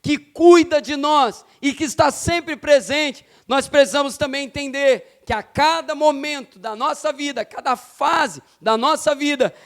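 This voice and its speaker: A man preaching an impassioned evening church sermon, rising to shouts and slowing down for emphasis. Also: very high voice. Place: church sanctuary.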